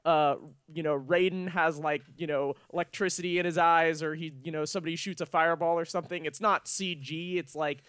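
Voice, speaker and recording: A man's voice: a little high, fairly even intonation, fairly quick, few pauses, a bit bright, smooth, no echo, clean studio sound. A man in his twenties co-hosting a podcast, chatting casually and irreverently about a film, swearing and laughing easily. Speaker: podcast co-host.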